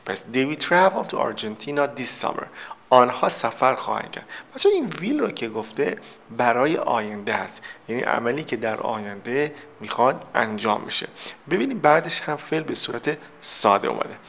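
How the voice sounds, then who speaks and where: A man's voice: medium pitch, big pitch swings, vocal fry, fairly bright tone. A man teaching English vocabulary in a recorded lesson, explaining each word step by step and mixing Persian with English example sentences.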